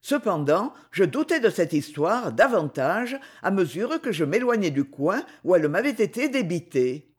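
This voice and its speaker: A reader narrating a classic French story in an expressive, measured way. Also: medium pitch, husky. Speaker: audiobook reader. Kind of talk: literary narration.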